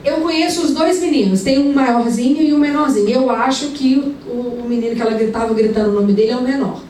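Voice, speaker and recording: A woman's voice: sits high, quick pace, warm tone. A young adult woman from preaching a sermon in a conversational storytelling manner, full of rhetorical questions. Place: large indoor event hall. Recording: echoey hall, mic far away, faint room noise.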